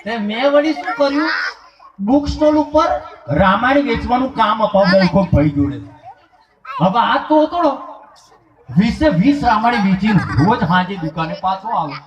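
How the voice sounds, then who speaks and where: A man's voice: high-pitched, expressive, normal speed. A man with a Gujarati accent telling jokes on a live stage and acting out characters in put-on voices. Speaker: stage comedian and event announcer. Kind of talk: live stand-up joke telling. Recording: roomy live stage sound with crowd, dull.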